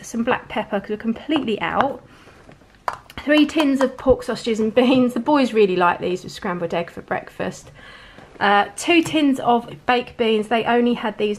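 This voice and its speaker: Thirties woman from England, family vlogger; chatty, thrifty haul talk, slightly high voice, phone mic with faint hiss. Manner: chatty, thrifty, rambling asides. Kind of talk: casual grocery haul narration. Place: home kitchen, indoors. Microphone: handheld phone camera filming groceries.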